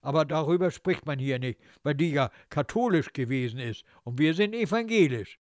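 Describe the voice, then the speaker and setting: A man narrating a literary story in a wry, expressive way, slipping into the thoughts of the characters. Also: a little high, moderate pace, no room sound, clean studio sound.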